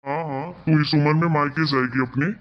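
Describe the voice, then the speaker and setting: A man's voice: on the high side, fairly even intonation, brisk, natural voice. A man voicing a stern, domineering elderly father-in-law in a cartoon story, scolding harshly. The recording is slightly dull and lo-fi. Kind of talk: cartoon voice acting.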